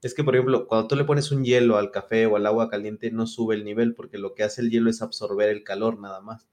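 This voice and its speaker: A man's voice: fairly low pitch, steady tone, fast talker, a little mellow. A man with a Mexican accent and a congested, stuffy nose from a cold, co-hosting a casual podcast chat. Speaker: podcast co-host.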